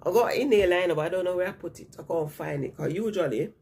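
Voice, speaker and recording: This fast-talking woman has a lowish, darkish, slightly rough voice. She's a vlogger with a cold and a blocked nose, chatting loosely with viewers, wandering off topic and repeating herself.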